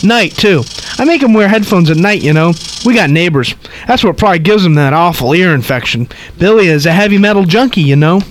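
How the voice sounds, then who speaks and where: A woman's voice: fairly low pitch, lively intonation, fairly quick, no room sound, natural voice. A man voicing a nosy, rambling old woman who chatters and cackles, tacking "though" onto her sentences. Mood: gossipy.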